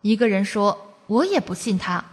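A woman's voice: medium pitch, very animated, normal speed, breathy edge, big-room sound. A woman from China reading a first-person testimony aloud, in an earnest, preachy storytelling cadence.

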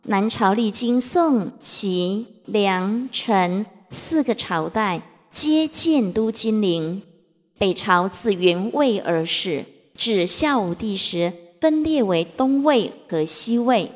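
Slow, measured woman reciting in a reverberant hall. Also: mid-range voice, lively intonation. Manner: measured, deliberate chanting of verses. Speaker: reader of classical text lessons. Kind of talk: slow scripted recitation and storytelling.

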